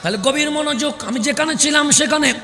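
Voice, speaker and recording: A man preaching a waz sermon at a religious gathering, shouting and firing rhetorical questions at the crowd. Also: very high voice, fast, noisy background. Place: outdoor religious gathering (mahfil). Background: audible crowd.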